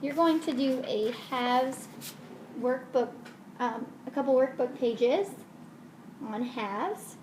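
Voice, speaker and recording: A woman's voice: high-pitched, slow. A woman teaching young children math in the simple, sing-song manner of a kids show host. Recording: roomy echo with faint noise.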